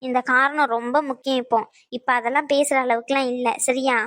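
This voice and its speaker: A woman's voice: high-pitched, flat delivery, fairly quick, fairly bright tone, no echo, clean studio sound. A woman doing cartoon dub voice acting in a bossy, scolding manner. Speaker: cartoon voice actor.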